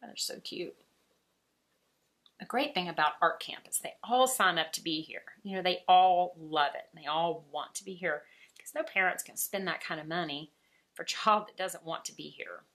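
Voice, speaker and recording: An art teacher from Alabama talks in easy, chatty fashion, with a mild Southern accent. The woman's voice is bright and forward, and she breaks into laughter often as she talks. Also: on the low side, moderate pace. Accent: Southern American. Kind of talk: casual chat while painting.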